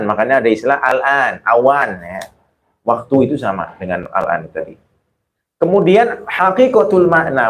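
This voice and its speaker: A man's voice: a bit bright, poor audio. A man teaching Quran exegesis to a women's study group, explaining Arabic terms and quizzing his listeners with questions. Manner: acts out exaggerated exclamations with rising pitch. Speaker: Islamic religious teacher.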